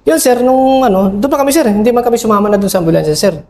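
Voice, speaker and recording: A middle-aged man, an army officer, recounting a battle in an interview, halting and full of fillers, respectfully calling his listener sir. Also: sits high, a little mellow. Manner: respectful toward a senior officer. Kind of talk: interview recollection.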